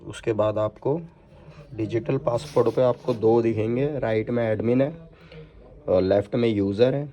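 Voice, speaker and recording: Speaking at a moderate pace in a low, mellow voice, an Indian product installation demonstrator goes through an unscripted hands-on demo step by step, slipping in English technical words.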